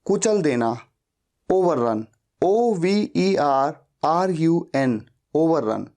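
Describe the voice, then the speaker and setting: A teacher who works through a vocabulary lesson at an unhurried pace. Each word gets spelled out letter by letter, and every example sentence is said twice, slowly and carefully. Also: mid-range voice, animated, mellow. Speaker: English teacher.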